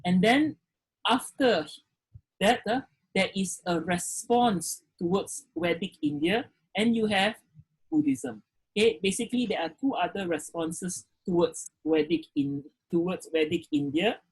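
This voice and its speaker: A man lectures an online class via video call, leaning on "okay" as a filler and questioning students directly. His high-pitched, gravelly, slightly rough voice has lively intonation and a slightly slow pace, and the audio is poor.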